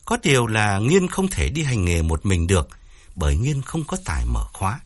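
A man narrating an audiobook story in an expressive, dramatic storytelling manner. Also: fairly low pitch, moderate pace, slight background noise.

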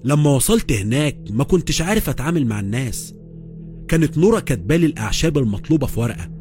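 A man's voice: mid-range voice, sing-song, very fast, darkish tone, soft background music. A man with an Egyptian accent narrating a first-person horror story, fearful and stammering. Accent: Egyptian Arabic.

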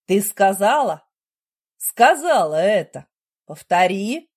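A woman voicing a passionate, devoted adult man who speaks insistently and tenderly in a husky low murmur, for an audiobook romance. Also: animated, takes it slowly, darkish tone, heavily acted. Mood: demanding.

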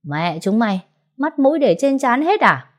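A woman voicing a drunk, bullying man who shouts slurred abuse in speech, as an audiobook character. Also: medium pitch, animated, brisk, voice pushed up, natural voice. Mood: drunk, furious.

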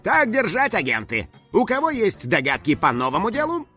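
A man's voice: high voice, wildly swooping pitch, moderate pace, sharp tone, faint music behind, voice pushed up, heavily acted. A man voicing a boastful, bossy little male house-spirit detective who takes himself very seriously. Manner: grandly self-important, bossy exclamations.

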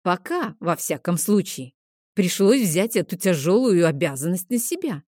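A woman's voice: lowish voice, sing-song, moderate pace, mellow, dry recording, studio quality. A woman voicing a smug, vengeful old male healer who drawls and gloats. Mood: stern lecturing.

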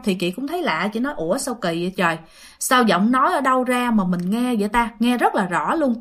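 A woman with a Southern Vietnamese accent tells a ghost story, chatting with her listeners as she goes. Her voice sits on the high side and swoops up and down with a lot of expression. The telling feels casual and conversational. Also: fairly bright tone. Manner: chatty, addresses listeners directly.

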